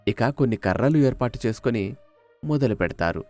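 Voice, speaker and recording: Lively male storyteller narrating a cartoon. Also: mid-range voice, moderate pace, faint music behind. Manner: expressive storytelling.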